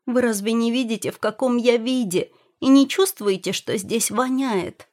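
A woman's voice: a little high, moderate pace, darkish tone, voice pushed up, lightly acted. Woman voicing a tearful young princess. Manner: plaintive, sobbing. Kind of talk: audiobook character voice.

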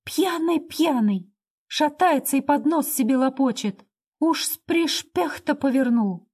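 Woman reading a scared breathless young maid, high panicky voice. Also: animated, unhurried, darkish tone. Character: frightened young servant girl, breathless.

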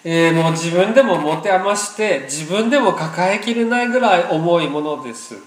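A man's voice: high voice, expressive, normal speed. A man preaching a sermon as pastor, earnest and emphatic, repeating phrases for weight. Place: church hall. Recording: roomy echo.

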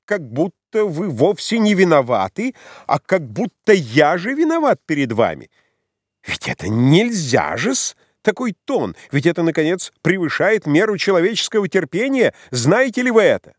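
A man voicing a humiliated young gentleman who shouts in indignant fury, in a dry audiobook recording. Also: sits high, very animated, moderate pace, no echo, voice pushed up. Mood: furious.

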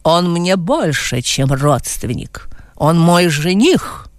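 A woman's voice: on the low side, expressive, slow, dry recording, studio quality. A woman reading as a sly mocking widow.

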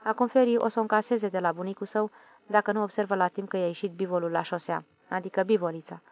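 A woman reading a literary audiobook in a calm, measured way. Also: medium pitch. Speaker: audiobook narrator.

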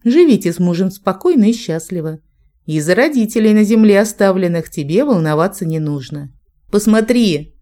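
A chatty, playful angel, voiced by a woman with a warm, mellow tone. The voice stays light and teasing throughout, told as a storybook reading. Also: mid-range voice, animated, normal speed, close to an everyday voice. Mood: cheerful, teasing. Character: cheerful chatty angel of higher powers.

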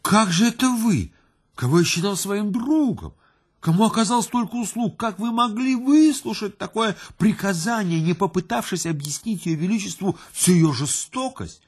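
Frightened banker, pleading and shrill, read by a man, husky, storybook. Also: expressive, normal speed. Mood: desperate. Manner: pleading, exclaiming. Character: panicking wealthy male banker, easily terrified.

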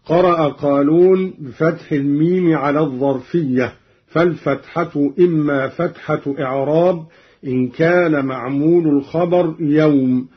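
A middle-aged man from Egypt teaching Quran readings in a measured radio lesson, breaking his explanations with chanted recitation examples, heard on a dull old radio recording. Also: a little high, breathy edge.

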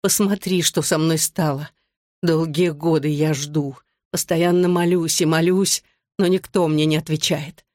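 Brief: reader doing a soft, hoarse female ghost, pleading and reproachful, storybook reading, dry close sound. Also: medium pitch, fairly even intonation, measured pace, no echo, lightly acted. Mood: anguished. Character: anguished ghost of an older sister, bleeding and desperate. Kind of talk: audiobook reading.

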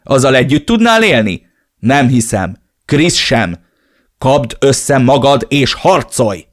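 A man's voice: mid-range voice, very animated, no echo, clean studio sound, pitched above the performer's own voice. A man voicing a worried older sister who pleads with her brother urgently and insistently, in an audiobook.

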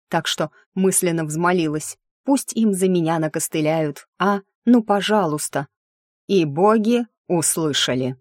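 A woman's voice: on the low side, a little mellow, dry recording. A woman reading a first-person audiobook in a wry, sardonic inner-monologue manner, close to the mic. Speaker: audiobook narrator.

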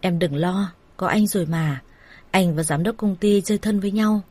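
In a warm, breathy voice of fairly low pitch at normal speed, a woman plays a persuasive older brother coaxing his younger sister in an everyday tone. The character is a smooth-talking, manager type, and the mood throughout is coaxing.

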